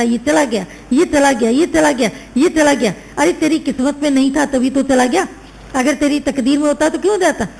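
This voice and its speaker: A woman's voice: high voice, gravelly, darkish tone, poor audio. A woman giving a sermon to a spiritual gathering. She tells a moral story, acts out the voices in it and repeats phrases for emphasis. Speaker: spiritual teacher.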